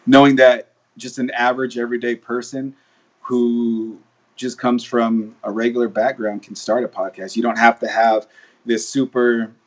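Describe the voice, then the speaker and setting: A man's voice: mid-range voice, dull audio. A man hosting a podcast in casual live-stream chat, blunt and joking, swearing casually. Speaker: podcast host.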